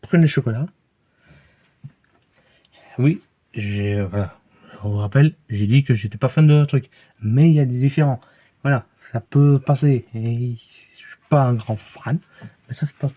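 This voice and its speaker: A man's voice: mid-range voice, a little slow, long pauses. Rambling Belgian French man, lo-fi sound. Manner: hesitant, rambling, many fillers and restarts. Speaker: vlogger reviewing beers. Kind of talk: casual rambling review.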